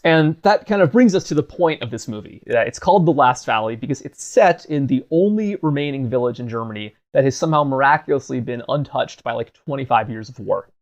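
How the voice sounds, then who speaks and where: A man hosting a podcast in casual chat, explaining fluently and relaxed. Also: medium pitch, brisk, few pauses. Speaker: podcast host.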